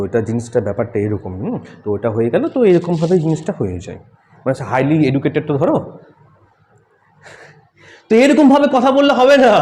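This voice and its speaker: A man's voice: high-pitched, a little mellow. A man teaching communication skills in a motivational lecture, asking rhetorical questions and acting out examples in different voices. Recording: echoey room.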